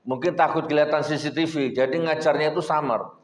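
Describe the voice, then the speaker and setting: A man preaching a sermon, telling stories and swinging between loud exhortation and low asides. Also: steady tone, fast. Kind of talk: sermon with storytelling. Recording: echoey hall with long reverb.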